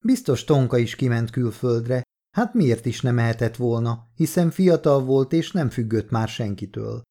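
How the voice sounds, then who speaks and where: A man's voice: mid-range voice, animated, mellow, close to an everyday voice. A man reading the part of a talkative older woman who rambles and gossips freely, in an audiobook. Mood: chatty. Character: chatty older woman, a mother, boastful then wary.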